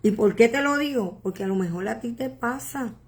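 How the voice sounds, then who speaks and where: A woman pastor preaching a sermon, earnest and emotional, asking rhetorical questions and repeating words with pauses. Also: fairly high pitch, darkish tone. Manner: halting repetitions and pauses.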